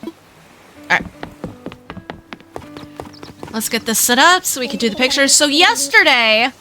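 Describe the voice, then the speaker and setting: A woman's voice: high voice, lively intonation, measured pace, bright, forceful tone, faint music behind. A woman from Minnesota with a Minnesotan accent, chatting casually and giggling while streaming a game. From Minnesota, USA. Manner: chatty, giggly, rambling aside to chat.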